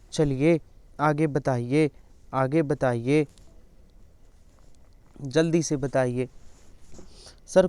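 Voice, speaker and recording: A man's voice: a little high, darkish tone, clean tone, no room sound. A male teacher running an exam-prep lesson, repeatedly coaxing students to answer his questions.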